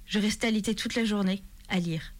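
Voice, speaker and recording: Woman reading a novel aloud. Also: medium pitch. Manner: steady, measured narration. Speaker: reader. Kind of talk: literary reading in first person.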